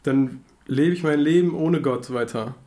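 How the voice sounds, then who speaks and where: A man's voice: mid-range voice, unhurried, mellow. Reflective man thinking aloud. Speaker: podcast co-host.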